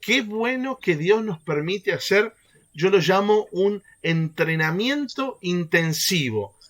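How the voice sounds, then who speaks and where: Lively man leading a faith workshop. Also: sits high, takes it slowly. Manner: animated, keeps checking in with the group through rhetorical questions. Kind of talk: teaching a catechesis workshop.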